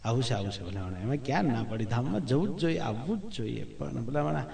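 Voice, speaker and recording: A man's voice: mid-range voice, expressive, fast, vocal fry, darkish tone. A man giving a devotional discourse in a conversational way, often checking with listeners whether they understand. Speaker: religious speaker. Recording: echoey room, far from mic.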